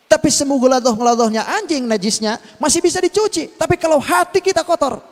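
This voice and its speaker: A man with an Indonesian accent preaching a dawn sermon in a mosque, telling a story with lively swings between low asides and raised exclamations. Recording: long hall reverb.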